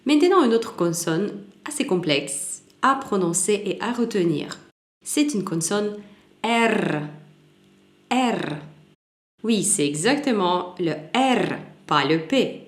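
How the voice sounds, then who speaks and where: A woman teaching a language lesson, slowly repeating each example word so it can be copied. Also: medium pitch, lively intonation. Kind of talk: slow spoken language lesson. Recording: roomy echoey room.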